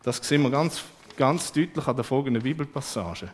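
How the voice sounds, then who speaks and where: Emphatic preacher. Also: male voice, medium pitch, fairly quick. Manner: lively, emphatic, with sudden swings in loudness. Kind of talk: sermon.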